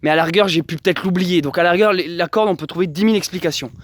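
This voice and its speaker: A man's voice: high-pitched, rapid-fire, no room sound. A young man vlogging outdoors beside his bunker and orchard, talking straight to his viewers with many restarts and filler words. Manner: rambling, restarts, addresses viewers directly. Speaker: survivalist vlogger. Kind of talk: casual vlog to camera. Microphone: handheld camera.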